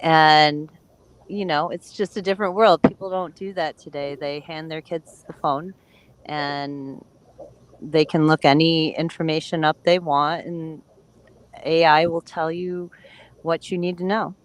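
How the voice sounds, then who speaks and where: A woman's voice: deep voice, fairly even intonation, unhurried, rough recording. A woman in her fifties co-hosting a casual livestream, teasing her co-host and chatting freely. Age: 50s. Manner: teasing, chatty, laughs readily. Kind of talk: casual live chat.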